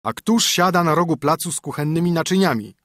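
A man's voice: fairly high pitch, animated, brisk, fairly bright tone, no echo, studio quality, voice pushed up. A man reading a fairy tale audiobook, voicing a stern poor minstrel husband who commands and scolds his wife. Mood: scolding.

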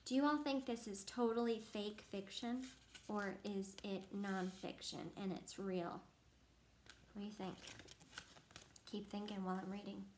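A young woman reading a picture book aloud to a child, animated and pausing to ask questions. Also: a little high. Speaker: reader to a child.

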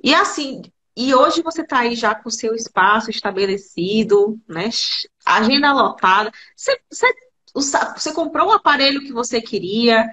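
A woman's voice: a little high, lively intonation, normal speed, bright, forceful tone. A woman hosting a podcast, asking rambling interview questions full of fillers. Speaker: podcast host and teacher.

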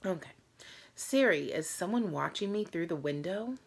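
A fatigued woman in her thirties hosts a challenge video, talking casually to the camera from a small room at home. She has a fairly low pitch, lively intonation, and a breathy edge, speaking at normal speed.

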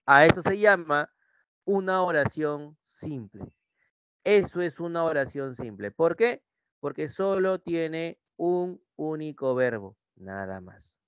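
Male Peruvian Spanish teacher, young adult, slightly high voice, dry close sound, repeats points and asks "right?" often. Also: expressive, takes it slowly, a bit bright, clear, resonant tone, no echo, lo-fi sound. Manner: repetitive, checks in with students using "¿sí?". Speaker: pre-university language teacher. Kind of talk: online class lecture.

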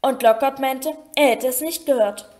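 A woman's voice: sits high, normal speed, darkish tone, close to an everyday voice. A woman voicing a grumbling, puzzled twelve-year-old schoolboy in a storybook reading. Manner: complaining, puzzled.

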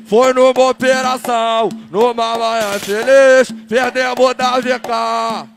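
Hoarse Rio funk MC, high gravelly voice, drawn-out chanted lines over a faint beat. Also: male voice. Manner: rhythmic chanting, calls out to the DJ and crowd. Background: funk beat playing.

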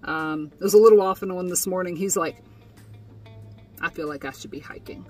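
A young woman chats through her day in a relaxed vlog recap from inside a tent, full of fillers and easy laughs. She sits a little back from the camera, with faint music playing underneath. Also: lowish voice, a little fast, breathy edge, distant mic. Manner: chatty, with frequent fillers and laughs. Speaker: vlogger. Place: inside a tent, small and indoors.

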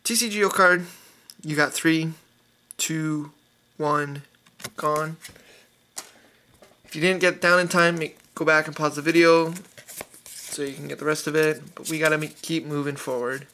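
A man's voice: fairly high pitch, fairly even intonation, pushed and bright, a little hiss or hum. A man casually opening card packs on camera, rattling off card names with enthusiasm. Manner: rapid-fire listing of card names, enthusiastic.

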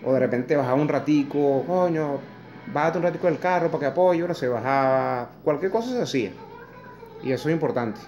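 Faint music sits behind a muffled recording of a fortyish Venezuelan-accented vlogger speaking briskly in a slightly high, somewhat mellow voice. He is filming in his kitchen with the phone close, venting bluntly and angrily with swearing, mockery, and sarcastic asides. The room sounds echoey.

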